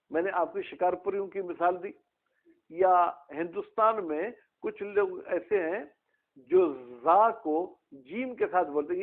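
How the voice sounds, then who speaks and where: Guy teaching a class, fairly high voice, tinny phone-like sound, quizzes students as he goes. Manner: questions students by name. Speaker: religious teacher. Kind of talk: classroom lesson.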